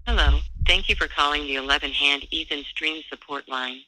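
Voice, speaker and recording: A man voicing a recorded automated phone support menu, reading out options in a formal, even, prompt-by-prompt delivery. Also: a little high, fairly quick, no room sound, rough recording. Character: male automated phone support line announcer. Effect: recorded automated phone menu message. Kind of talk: scripted phone menu announcement.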